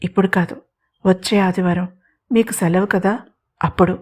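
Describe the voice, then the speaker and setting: A woman voicing a sad, soft-spoken young woman who speaks quietly and earnestly. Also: on the low side, fairly even intonation, moderate pace, natural voice. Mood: wistful.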